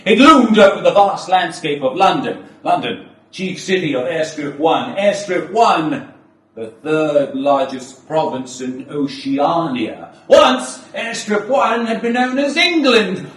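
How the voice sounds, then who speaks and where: A man performing as an ominous theatrical storyteller of a bleak dystopia, emphatic and full of dramatic pauses. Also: a little high, animated, voice pushed up. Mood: ominous, declamatory. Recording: echoey room, far from microphone.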